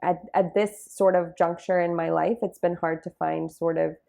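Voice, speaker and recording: A woman's voice: lowish voice, steady tone, moderate pace, creaky, dark tone. A young woman being interviewed about her dance journey, talking in a reflective, casual way with many fillers. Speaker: interview guest, Bharatanatyam dancer.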